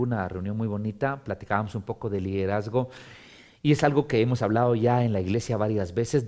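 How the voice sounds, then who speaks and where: Pastor guy teaching bible study, voice jumps all over, repeats stuff for emphasis. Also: mid-range voice. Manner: expressive, dramatizes scripture with emphatic repetition. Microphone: streamed broadcast.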